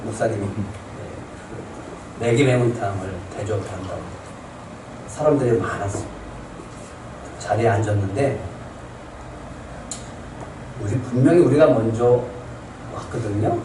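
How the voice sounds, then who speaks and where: A male pastor preaching a Sunday sermon, telling stories and acting out people's complaints with animated shifts in voice. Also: lowish voice, a little slow, long pauses, echoey room, distant mic, noisy background. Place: church sanctuary.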